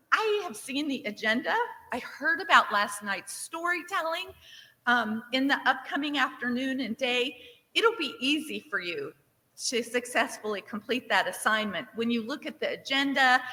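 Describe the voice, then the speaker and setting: Her high voice at a measured pace fills a large, echoing conference hall as this director from Nevada welcomes attendees. She's upbeat and interactive, asking for raised hands and cheering the responses.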